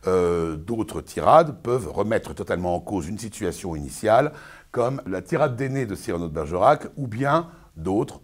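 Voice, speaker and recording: A man's voice: on the low side, expressive, normal speed. A man giving an informal spoken lesson as a theatre teacher presenting to viewers.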